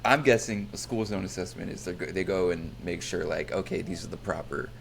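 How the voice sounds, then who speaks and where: A low, gravelly American man in loose podcast banter, swearing freely and joking loudly. A faint hiss sits under his voice. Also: a little fast. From United States. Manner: profane, joking, loud. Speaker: podcast co-host. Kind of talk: casual chat.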